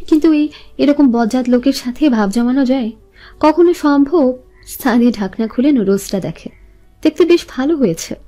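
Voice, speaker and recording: A woman narrates a romance in a smooth, steady reading voice. Her tone is high and mellow. Soft music plays under the narration. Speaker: storyteller.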